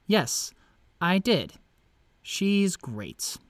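A man's voice: sits high, big pitch swings, very slow, no room sound, heavily acted. A man playing an awkward, lovelorn young vampire who narrates in a self-deprecating, confiding way. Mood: sheepish, protesting. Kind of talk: scripted first-person narration and dialogue.

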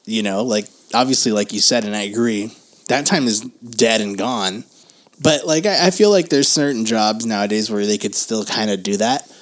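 A man's voice: on the low side, moderate pace. Slangy, sweary man in casual chat. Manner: profane, slangy, opinionated, often chuckling as he talks.

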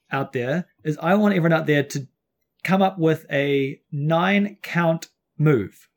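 Male podcast co-host, broad New Zealand accent, higher-pitched voice, informal and explanatory. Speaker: podcast co-host and dance teacher. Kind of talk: casual podcast chat. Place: outdoors on a front deck at home.

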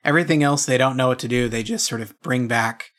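A man's voice: mid-range voice, fast talker, fairly bright tone. A man co-hosting a podcast with casual, wry show commentary. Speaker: podcast co-host.

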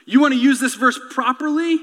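Brisk and a bit bright, this very high male voice drives an impassioned sermon of emphatic, repetitive rhetoric that finishes with a prayer. The hall's echo is audible throughout.

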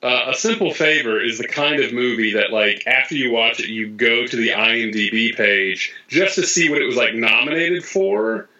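Bright-voiced man chatting. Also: mid-range voice, normal speed, hardly any pauses, lo-fi sound. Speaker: podcast co-host. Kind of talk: casual chat.

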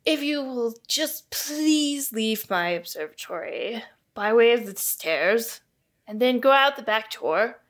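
A woman putting on a brusque, overworked astronomer who wants visitors gone. She is curt and dismissive, a little louder than her narrating voice, with an odd put-on accent. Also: fairly high pitch, expressive, slow.

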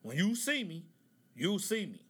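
Podcast host, man from Oklahoma, high and bright voice, loose conversational commentary with "right?" asides. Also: very animated, measured pace, slightly rough. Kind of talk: casual commentary.

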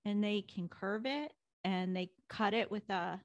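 A woman's voice: mid-range voice, unhurried, no room sound, studio quality. A woman guest chatting casually and telling long stories. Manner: chatty storyteller. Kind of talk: casual chat.

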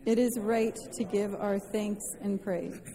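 A woman leading prayer and the invitation to the table in a slow, measured, reverent way, her voice ringing with a cathedral echo. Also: medium pitch, steady tone, warm tone. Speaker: worship leader. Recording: long church reverb.

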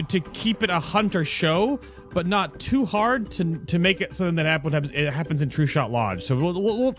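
A man whose voice is a little high and a bit bright hosts a laid-back gaming show as a podcast and stream host. He keeps things chatty with joking asides and frequent self-interruptions, while background music runs under his voice.

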